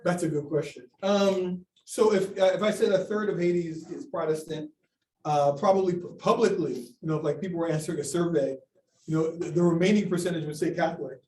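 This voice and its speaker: A man's voice: fairly high pitch, brisk, a little mellow. A man giving a talk and answering audience questions, hesitant with many restarts and fillers. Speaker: guest speaker. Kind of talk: academic Q&A talk. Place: lecture room. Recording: echoey room from far off.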